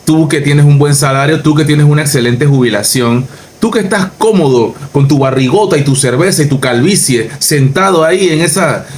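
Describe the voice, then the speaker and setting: A man's voice: fairly high pitch, slight background noise. A man hosting a reaction video, giving sarcastic, mocking commentary aimed straight at his critics.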